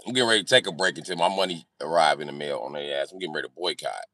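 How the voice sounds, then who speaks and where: Rumbling low and rapid-fire with a sharp tone, a livestream host reads out comments and answers them. His casual chat is profane, brash, joking and slangy. No room sound is audible.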